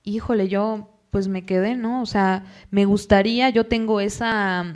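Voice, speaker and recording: A woman, a psychologist guest in a podcast interview, explaining calmly and acting out short quoted asides. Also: medium pitch. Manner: calm, explanatory, acts out parents and children in quick quoted asides.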